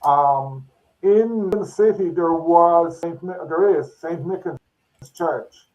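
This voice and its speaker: A man chatting as a guest about history, telling anecdotes in a halting way with restarts mid-sentence. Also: a little high, darkish tone. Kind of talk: casual conversation, anecdotes. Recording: dull lo-fi sound.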